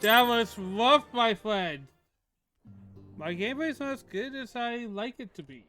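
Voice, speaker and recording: A man's voice: sits high, big pitch swings, a little slow, fairly bright tone. A man chatting playfully while livestreaming a game with a friend, often poking fun at himself. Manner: playful, self-mocking. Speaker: gamer. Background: game music.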